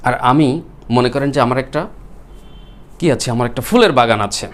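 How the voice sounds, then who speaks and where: A Bengali man teaching spoken English who explains patiently, repeats words slowly and keeps asking the viewers questions. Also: medium pitch.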